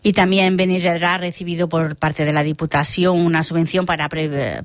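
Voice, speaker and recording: A woman the reading local radio news in a clear, measured way. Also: low voice, dry recording, studio quality. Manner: clear, measured newsreader delivery. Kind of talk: read local news bulletin. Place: radio studio. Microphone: studio microphone.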